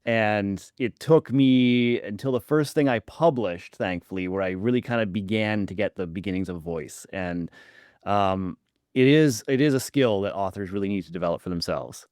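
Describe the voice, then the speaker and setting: Reading a prepared intro before shifting into loose chat full of pauses and fillers, this podcast host interviews a guest. He has a lowish voice with a darkish tone. The sound is studio quality with no echo.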